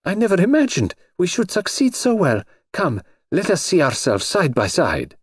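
A man's voice: medium pitch, very animated, a little mellow, breathy edge, no room sound, studio quality, pitched above the performer's own voice. A male narrator voicing a cheerful, imperious young grand duchess in an audiobook, bubbly and commanding. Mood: delighted. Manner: bubbly, commanding, quick to stamp her foot. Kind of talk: audiobook character voice.

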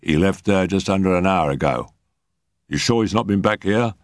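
A man voicing a brisk, commanding male police inspector who gives curt orders. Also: deep voice, no echo, studio quality, close to an everyday voice. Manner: brusque, commanding.

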